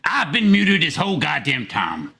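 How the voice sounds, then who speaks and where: A male host on a live call-in stream with a high, piercing, very bright voice. He bickers with his co-hosts, swings wildly in pitch, and bursts into shouts when flustered. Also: normal speed, vocal fry. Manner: animated, bickering, loud outbursts. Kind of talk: live call-in show banter.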